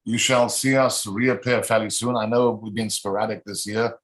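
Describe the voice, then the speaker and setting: A man reading his poem in a measured way on a livestream, then thanking everyone. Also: lowish voice, fairly even intonation, rough recording. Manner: measured, unhurried reading with filler hesitations. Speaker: poet and reading series host. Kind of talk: poetry reading.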